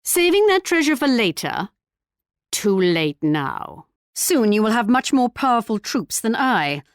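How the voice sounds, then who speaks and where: A woman's voice: fairly high pitch, very animated, unhurried, clean tone, no room sound, studio quality. A woman playing a haughty, sly English queen in a video game, with a regal, arch and mock-polite manner. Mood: courteous. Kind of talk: video game character voice lines.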